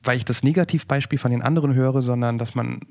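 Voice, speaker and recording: A man's voice: mid-range voice, steady tone, fast, vocal fry, a little mellow. Forty-something man musing in a podcast chat. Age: 40s. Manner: thoughtful, rambling with many restarts and fillers. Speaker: podcast co-host. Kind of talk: casual podcast conversation.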